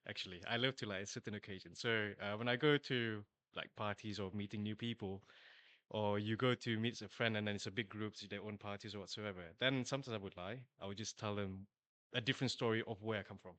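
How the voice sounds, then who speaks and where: Man from Malaysia, startup founder, relaxed and laughing, bright tone, dry recording. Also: on the low side, quick pace, no room sound. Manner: relaxed, laughs often, many "you know" tags. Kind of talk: casual interview chat.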